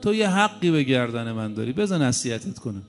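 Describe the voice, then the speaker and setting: A man's voice: mid-range voice, very animated, faint music behind, voice pushed down, close to an everyday voice. A man preaching a sermon voicing Satan as a sly, wheedling male tempter who coaxes and insists, told within a religious story. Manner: coaxing, insistent.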